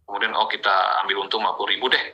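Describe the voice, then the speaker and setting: Racing along with a flat delivery in a fairly low voice, a man presents an affiliate marketing training as an informal, explanatory sales talk. He chats conversationally, repeatedly checking in with listeners through filler tags. The sound is lo-fi.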